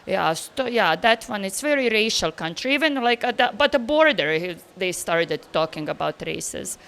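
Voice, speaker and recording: A woman, telling travel stories in an interview, animated and laughing easily. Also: mid-range voice, moderate pace. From Bosnia. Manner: animated storyteller, laughs easily, loose grammar. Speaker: guest traveller. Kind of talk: casual interview answers.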